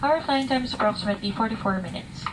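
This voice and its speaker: Quick Filipino flight attendant, distant and noisy. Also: female voice, on the high side. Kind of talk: scripted welcome announcement. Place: inside an airliner cabin. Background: clear aircraft cabin noise.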